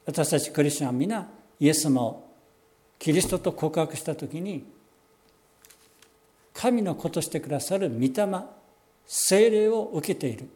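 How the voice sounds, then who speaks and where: Man preaching, kinda high pitched but mellow, slow and deliberate on the important bits. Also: animated. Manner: measured, explanatory preaching with slowed emphatic phrases. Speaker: pastor. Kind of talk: sermon.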